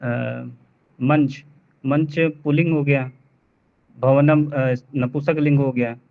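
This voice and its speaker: A man student reciting answers in an online class, halting and hesitant, often repeating words. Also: mid-range voice, fairly even intonation, gravelly. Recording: tinny phone-like call audio.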